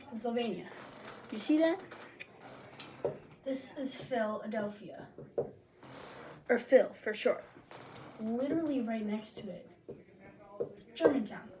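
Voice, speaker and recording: Woman, homemade history explainer, high-pitched, goofy, slangy, lively delivery. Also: slow, pauses often, background noise. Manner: playful and jokey, with slang asides; lively, with sudden loud bursts and drops to near-whispers. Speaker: presenter of a homemade history video.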